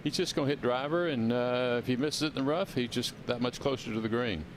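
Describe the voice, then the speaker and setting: A man's voice: mid-range voice, fairly quick, noisy background. A man giving explanatory golf analysis in short, emphatic, opinionated phrases.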